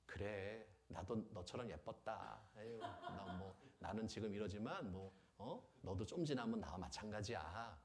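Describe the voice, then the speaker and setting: A man's voice: lowish voice, measured pace, few pauses, a crowd in the background, pitched below the performer's own voice. A man voicing a judgmental elderly person who tuts and scolds young people, within a sermon. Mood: grumbling. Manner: tutting, scolding.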